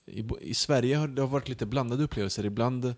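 A man's voice: medium pitch, a little mellow, dry recording. A young man who grew up in Sweden, chatting casually and telling stories in which he acts out the people he quotes. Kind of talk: casual chat.

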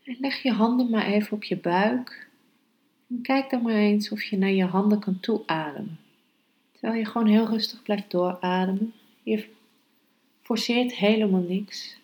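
A woman speaks as a yoga podcast host and meditation guide. Her delivery is calm, instructional and markedly slow, with unhurried pauses. Her voice sits at an average pitch for a woman. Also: rough recording.

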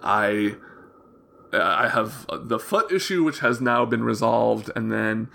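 A young man with prominent vocal fry talking openly in a casual interview, earnest and rambling, often backtracking as he tells his story. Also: mid-range voice, slow pace, pushed and bright. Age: young adult. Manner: hesitant, rambling, self-correcting storytelling; open, earnest. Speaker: interview guest.

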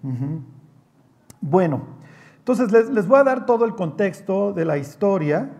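A man's voice: sits high, animated, a little slow, vocal fry, darkish tone. A man preaching a humorous Bible study, colloquial and joking, checking in with "¿ok?" all the time. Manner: colloquial and joking, asks "¿ok?" often.

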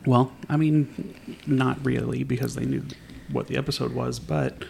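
Young man, gravelly and flat-toned, rambling podcast co-host, light hiss behind. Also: mid-range voice, moderate pace. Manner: easygoing, chatty, rambling with restarts. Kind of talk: casual chat. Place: home at night.

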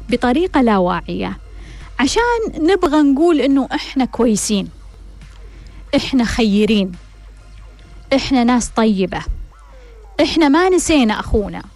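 A woman's voice: on the high side, darkish tone. A woman hosting an advice show, talking frankly to listeners and firing off rhetorical questions. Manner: blunt, full of rhetorical questions. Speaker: advice host answering listeners.

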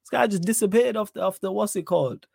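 A man's voice: high-pitched, fast talker, creaky, a little mellow, slightly rough, no echo, studio quality. A man with a London roadman accent hosting a livestream, chatting casually in slang. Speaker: livestream host.

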